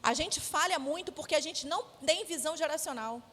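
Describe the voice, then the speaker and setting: A woman with a Brazilian Portuguese accent preaches in a church sanctuary, her high, fairly bright voice moving briskly. She is firm, emphatic, and conversational, and the recording echoes like a church hall.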